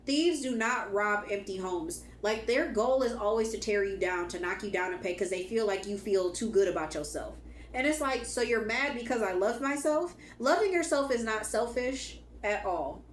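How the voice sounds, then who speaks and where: A woman whose voice is going hoarse gives an emphatic, casual spiritual pep talk to her viewers. She speaks, repeats her key lines and swears now and then. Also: mid-range voice, expressive, normal speed, roomy sound, a little hiss or hum. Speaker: spiritual channel host.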